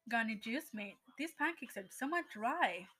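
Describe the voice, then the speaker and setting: A woman voicing a blunt young man who mumbles gruffly, sometimes half-whispered, while reading a story aloud. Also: on the high side, expressive, normal speed, fairly bright tone. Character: Ron Weasley, blunt hungry young man.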